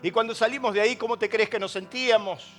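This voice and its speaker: A middle-aged man with an Argentine accent, preaching a sermon in a church service, swinging between hushed lows and shouted peaks. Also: fairly even intonation, quick pace, soft background music. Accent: Argentine Spanish. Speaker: pastor.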